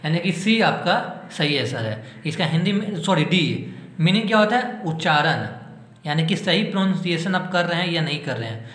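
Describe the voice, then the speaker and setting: A man's voice: on the high side, big pitch swings, moderate pace, a bit bright, roomy sound. A male teacher giving an exam-prep spelling lesson, spelling words letter by letter and asking the class questions that he then answers himself.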